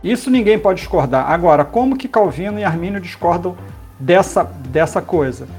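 A man, a pastor, calmly explaining theology in a podcast conversation, pausing often with fillers. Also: high voice, soft background music. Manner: explanatory, measured, with many fillers.

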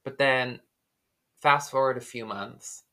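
Male podcast co-host, casual storyteller, bright tone, filler-heavy delivery. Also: mid-range voice, slow. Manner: rambling, lots of "like" fillers.

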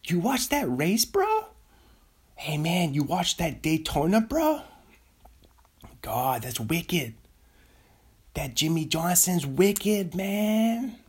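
A man putting on a brash young Boston bro with an exaggerated Boston accent, speaking loud and high and piling on slang like "bro" and "man". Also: big pitch swings, takes it slowly, long pauses, slightly rough, full character voice. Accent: put-on Boston accent.

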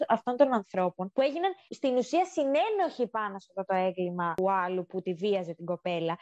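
A woman's voice: high voice, darkish tone, dry recording. A woman in a casual chat, indignant and emphatic. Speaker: podcast co-host. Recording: dry dull lo-fi sound.

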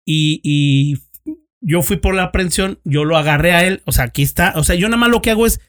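Man, Mexican accent, slightly high voice, ex-police investigator, casual storytelling, crude slang, acts out dialogue. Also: a little fast. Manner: slangy, swears freely, acts out both sides of dialogue. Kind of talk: casual storytelling among friends.

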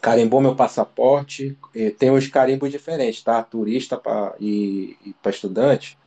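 A man from Brazil talks as an interview guest, his voice mellow and relaxed in tone. He tells his story casually and loosely, with plenty of slang, fillers and false starts. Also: medium pitch, measured pace, poor audio. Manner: slangy, rambling, full of fillers and restarts. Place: living abroad in Ireland.

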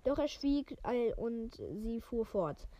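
A woman's voice: fairly high pitch, animated, slow pace, warm tone, no room sound. A woman casually reading a book aloud for her viewers, often stumbling, correcting herself and chatting in between. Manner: stumbles and self-corrects, chatty asides to listeners. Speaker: reader of an audiobook for viewers.

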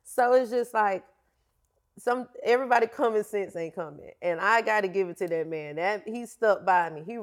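A woman's voice: medium pitch, moderate pace. A woman fitness instructor telling her story in a candid, slangy, casual interview.

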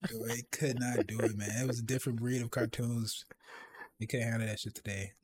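A man co-hosting a podcast in casual chat, relaxed and rambling, laughing often. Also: mid-range voice, fairly quick, husky. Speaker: podcast co-host.

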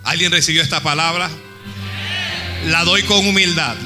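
A man preaching a sermon, retelling a story dramatically and swinging between hushed and shouted lines. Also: on the high side, fairly even intonation, moderate pace. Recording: long hall reverb with music.

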